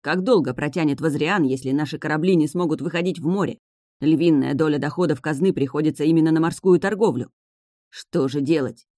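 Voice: medium pitch, brisk, mellow, no echo, clean studio sound, natural voice. A reader voicing a stern, brusque male crown prince in an audiobook. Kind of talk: audiobook character voice.

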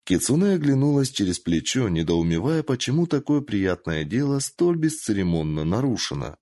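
A man narrating a story aloud with an animated, dramatic delivery. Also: lowish voice, normal speed, no room sound. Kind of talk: expressive story reading.

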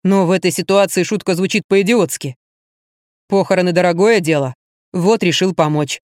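A woman reading an audiobook, voicing a blunt, matter-of-fact man in a flat, slow manner. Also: lowish voice, dry recording, studio quality, natural voice. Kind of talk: audiobook character voice.

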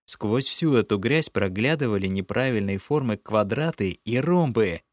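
Guy reading an audiobook, first person, steady, lowish voice, dry mic. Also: normal speed, dry recording. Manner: steady storytelling. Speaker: audiobook narrator. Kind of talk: scripted first-person narration.

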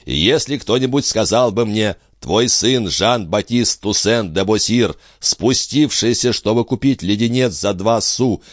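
A man's voice: lowish voice, measured pace, few pauses, no room sound, clean studio sound, pitched above the performer's own voice. Man doing a smug pompous schemer. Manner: pompous, sanctimonious. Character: smug pompous scheming husband, self-important.

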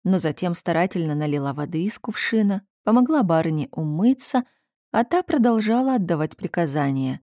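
A woman narrating a story in a steady, measured reading voice. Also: on the low side, no room sound, studio quality.

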